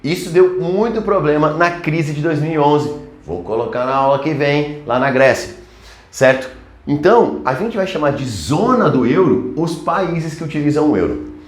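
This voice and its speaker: A man's voice: on the high side, expressive, moderate pace, roomy sound. A man with a Brazilian Portuguese accent teaching a geography lesson at a chalkboard, talking casually to his students. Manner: casual, addresses students as "cara". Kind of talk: chalkboard lecture. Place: classroom.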